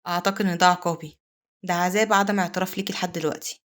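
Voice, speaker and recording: A woman voicing a brooding male pirate duke in her Egyptian Arabic accent, with quick, flat delivery. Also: on the low side, natural voice. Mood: softly menacing.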